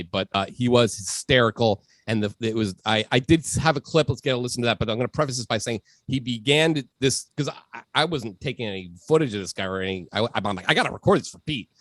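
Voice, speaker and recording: A man's voice: mid-range voice, quick pace, few pauses, a bit bright, no echo. A man co-hosting a sports podcast, telling stories in a casual chat and laughing often. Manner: laughs through his storytelling. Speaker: podcast co-host.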